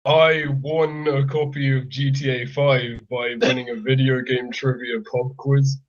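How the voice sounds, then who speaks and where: A young man chatting casually on a podcast, eager and quick to joke. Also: medium pitch, level tone. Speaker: podcast regular. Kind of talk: casual chat. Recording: dull lo-fi mic.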